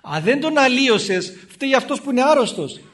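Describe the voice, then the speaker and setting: A man's voice: very high-pitched, very animated, a bit bright. A male Orthodox priest giving a spoken sermon in a conversational way, acting out short exchanges between people. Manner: conversational, acts out little dialogues in shifting voices.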